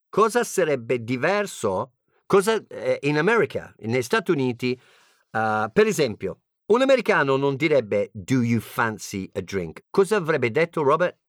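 A man with an English accent teaches in an unhurried way, his pitch swooping up and down as he jokes. The sound is close and dry, with no room around it. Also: no room sound. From England (Birmingham). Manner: playful, joking asides. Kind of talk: humorous language lesson.

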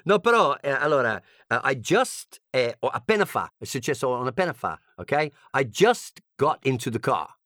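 A man's voice: medium pitch, big pitch swings, normal speed, hardly any pauses, a bit bright, no echo, studio quality. A man from England with an English accent and English as his first language, giving a playful, joking language lesson as a teacher. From England (Birmingham).

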